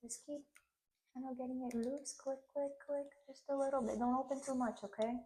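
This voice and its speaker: A Spanish-speaking Puerto Rican woman in her thirties, with a Puerto Rican accent, leads a hands-on hairstyling tutorial and keeps checking in with "okay?" as she instructs. Her voice sits high with a steady, dark tone and a fairly quick pace, over slight background noise.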